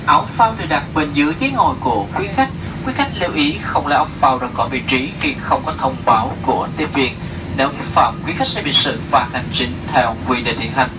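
A man's voice: medium pitch, lively intonation, a little fast. A man with a Vietnamese accent gives a scripted, bilingual flight safety demo announcement as cabin crew over an aircraft PA. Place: inside an airliner cabin. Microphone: cabin PA picked up by distant camera. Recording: noisy aircraft cabin PA, distant. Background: loud aircraft ambience.

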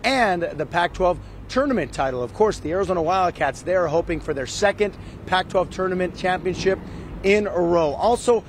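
Brisk male field reporter in his fifties, high bright voice, live outdoor stand-up, faint city hum behind. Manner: brisk, upbeat broadcast delivery. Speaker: sports reporter. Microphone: handheld mic.

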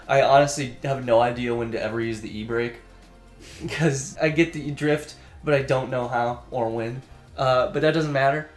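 Chatty man in an echoey room. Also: mid-range voice. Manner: chatty, laughs often. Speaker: podcast co-host. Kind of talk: casual chat about games.

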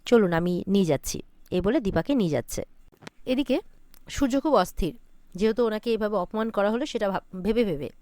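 A woman's voice: medium pitch, darkish tone, dry recording. Dry-voiced woman recapping a serial. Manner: brisk retelling with frequent "she says" tags. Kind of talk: casual spoken episode recap.

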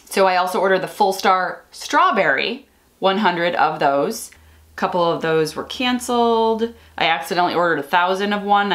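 A woman in her thirties, a flower farmer, talking casually and enthusiastically to the camera from a sunny room indoors. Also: medium pitch. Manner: chatty and enthusiastic, with some ums. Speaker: flower farmer and channel host. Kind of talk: casual vlog talk.

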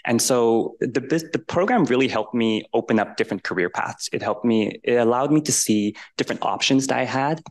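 A man alumni panelist answering questions in a lecture hall, relaxed, with many fillers. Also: mid-range voice, fairly quick, hardly any pauses. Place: large university lecture hall.

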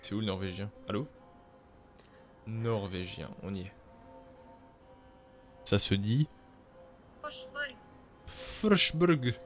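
A man's voice: fairly low pitch, steady tone, slow pace, long pauses, soft background music. A man streaming a game, chatting casually with viewers and cracking self-mocking jokes. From France. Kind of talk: casual gameplay commentary.

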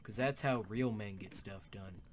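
Crude joking young man, low voice, typing noise. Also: a little slow. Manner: joking, crude, swears often, drops to whispered asides. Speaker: gaming YouTuber. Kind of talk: gaming commentary. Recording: keyboard clicks and typing behind voice.

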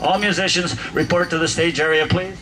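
A man's voice: fairly high pitch, fairly even intonation, a little fast. A man performing as a kids party magician outdoors, talking to his audience like a playful showman full of mock amazement. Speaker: children's magician and musician, host of the show. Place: outdoor park lawn under trees. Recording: outdoor PA, music and crowd noise behind.

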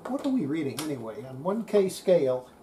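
Deep, dark, and a little fast, this older woman's voice has a sing-song lilt. She's a radio restorer muttering casual remarks to herself while working at a cluttered indoor electronics bench, captured in a noisy workshop.

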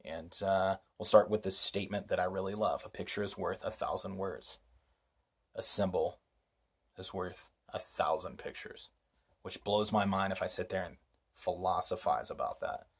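Low husky-voiced man musing slowly. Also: fairly even intonation. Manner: unhurried, reflective, asks rhetorical questions. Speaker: host. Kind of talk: spoken lesson on language and spellcraft.

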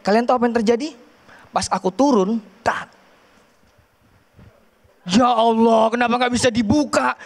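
A man performing a stand-up set on a TV studio stage, telling an exasperated story. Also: very high voice. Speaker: stand-up comedian.

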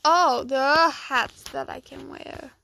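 A young woman chatting casually as she hosts gameplay, keeping quiet because others are asleep, tired and dry-throated from just waking up. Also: high-pitched, slow pace, vocal fry. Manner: quiet, hushed, so as not to wake someone asleep. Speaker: gaming vlog host. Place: indoors at home.

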